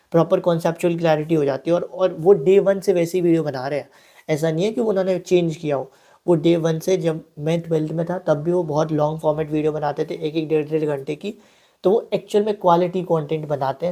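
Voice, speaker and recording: Young man with a mellow, chatty lecturing voice. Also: fairly high pitch. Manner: chatty, mixes English terms, frequent asides and "ठीक है". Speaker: online teacher. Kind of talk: casual exam-prep lecture.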